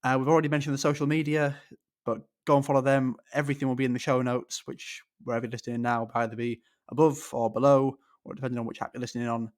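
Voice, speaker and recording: This is a man with a mid-pitched voice hosting a podcast. He asks his guest questions and talks through his sign-off in a friendly, loose, rambling way. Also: flat delivery, fast talker. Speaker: podcast host. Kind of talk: podcast interview and outro.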